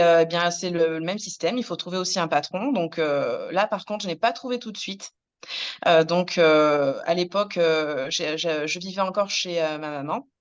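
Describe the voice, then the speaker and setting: A woman in her thirties, a hairdresser, recounting her career in a hesitant interview, with many pauses and restarts. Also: on the low side, muffled recording. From France. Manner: many fillers and restarts, soft laughs. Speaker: hairdresser and business founder, interviewee. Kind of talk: hesitant personal storytelling.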